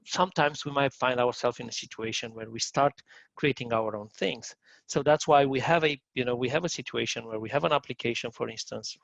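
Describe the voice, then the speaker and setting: A man, giving a technical conference talk, halting with many fillers and restarts. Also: medium pitch, creaky, fairly bright tone, dry recording. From Romania. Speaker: conference speaker. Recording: dull lo-fi dry recording.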